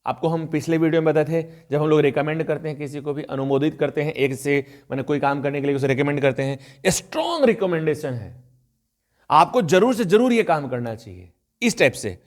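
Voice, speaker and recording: A man teaching an online grammar lesson in a conversational way, reading example sentences slowly and deliberately. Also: a little high, animated. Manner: conversational, addresses viewers as friends. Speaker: English teacher.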